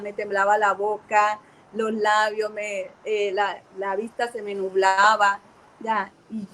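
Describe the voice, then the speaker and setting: A middle-aged woman pastor giving a personal testimony in an earnest, halting way, with many restarts and repeated words. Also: a little high, slight background noise, low-quality recording. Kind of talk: personal testimony to an online audience.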